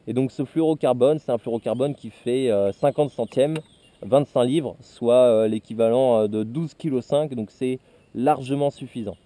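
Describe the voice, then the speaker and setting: A man walks through a gear presentation in a casual teaching tone. His voice is deeply mellow and dark, at a middling pitch. He often pauses on hesitations as he explains. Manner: explanatory, frequent "euh" hesitations. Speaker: fishing channel host.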